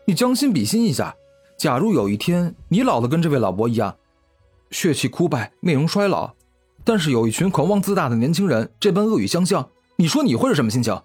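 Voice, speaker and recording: A man's voice: on the high side, very animated, fairly quick, darkish tone, breathy edge, soft background music, voice pushed up. A man voicing a righteous, hot-tempered young hero who rebukes bullies indignantly.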